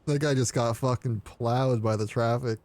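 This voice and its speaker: A man's voice: mid-range voice, fairly even intonation, moderate pace, a little mellow, no echo. A man streaming as a detective in an online role-play, chatting casually, laughing easily and swearing in disbelief.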